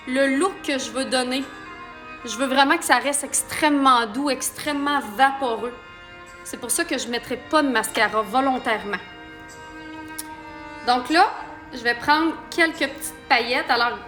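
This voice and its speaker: A woman with a Québécois French accent leads a live makeup tutorial in a high, bright voice. She chats with her viewers and explains each step as she works. Soft music plays faintly underneath. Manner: chatty, talks viewers through each step. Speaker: makeup artist.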